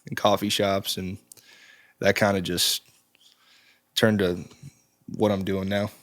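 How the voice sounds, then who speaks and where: A man in his twenties, a musician guest, talking in a relaxed, halting way with frequent ums in a studio interview. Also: deep voice. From Czech Republic. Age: 20s. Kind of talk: casual interview chat. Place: recording studio.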